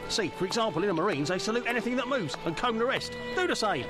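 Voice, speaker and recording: A rambling, preachy vagrant in a video game. He talks fast in a high, singsong voice, with clear music and hoofbeats behind him. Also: animated. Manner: rambling, lecturing.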